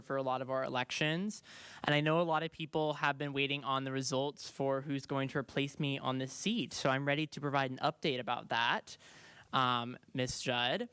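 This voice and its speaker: Bright, crisp young man giving a report. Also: medium pitch, no echo. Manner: casual, halting with many fillers. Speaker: student board trustee. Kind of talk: board meeting report. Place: board meeting room.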